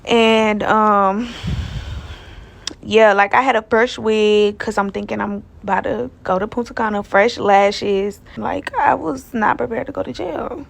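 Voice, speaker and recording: A woman's voice: mid-range voice, fairly even intonation, unhurried, vocal fry. A woman, casually telling a personal story in a loose, slangy, profane way. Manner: loose, profane, slangy retelling that acts out others' lines.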